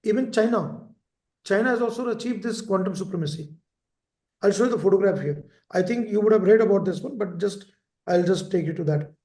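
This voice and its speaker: A teacher gives an exam-prep lecture in a high, darkish voice at a slightly fast pace. He repeats key terms and keeps checking in with his listeners. The room's echo is clearly audible in the recording.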